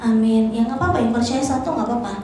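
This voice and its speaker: A woman in her forties preaching a sermon in a lively, humorous storytelling way. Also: fairly high pitch, fast, a little hiss or hum. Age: 40s. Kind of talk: church sermon. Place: church. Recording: very echoey church hall.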